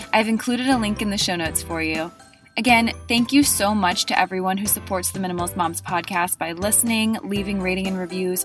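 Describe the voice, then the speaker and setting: A woman hosting a podcast, reading her intro and then interviewing a guest with earnest enthusiasm. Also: mid-range voice. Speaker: podcast host.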